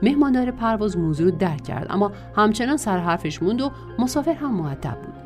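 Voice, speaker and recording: A woman with a mid-range, slightly mellow voice reads a self-help audiobook in a measured way, stretching out lists of words.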